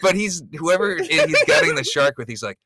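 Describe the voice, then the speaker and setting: A man's voice: on the high side, animated, moderate pace, bright, forceful tone, dry recording. A man with a Midwestern American accent, co-hosting a podcast in casual chat, laughing often and swearing freely. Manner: laughing, crude, rambling asides. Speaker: podcast co-host.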